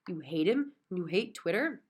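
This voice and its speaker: A woman voicing a kind, patient older grandmother who speaks calmly and gently. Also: lowish voice, moderate pace, breathy edge. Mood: gentle. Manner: gentle, calm, amused.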